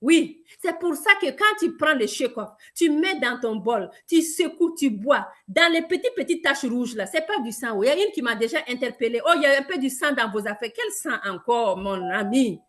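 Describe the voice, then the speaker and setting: A woman from Burkina Faso giving a lively, emphatic sales training talk, addressing her listeners directly. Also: fairly high pitch, moderate pace, hardly any pauses. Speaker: product presenter.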